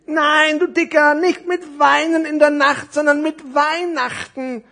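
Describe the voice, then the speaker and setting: A man's voice: very high voice, little pitch movement, measured pace, creaky, pushed and bright, voice pushed up, full character voice. A man voicing a weary, know-it-all gift-wrapped necktie in a storybook tale, talking in a lecturing, impatient way.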